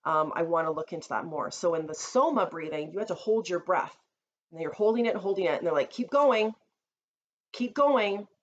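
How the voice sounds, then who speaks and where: A woman vlogger telling a personal story in an earnest, reflective way, often pausing with fillers. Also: low voice. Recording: slightly dull recording with faint room noise.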